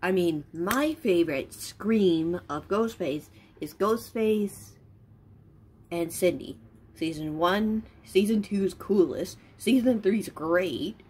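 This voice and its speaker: A woman's voice: lowish voice, slow, a little mellow, husky. A young adult woman talking casually to her viewers as a vlogger. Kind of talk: casual chat to camera. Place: small bedroom, indoors.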